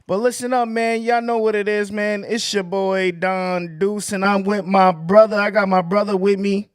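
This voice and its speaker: High-voiced man hosting a sports podcast. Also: little pitch movement, moderate pace, clear, resonant tone. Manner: loud, laughing, slangy hype talk. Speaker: podcast host. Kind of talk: casual sports podcast chat.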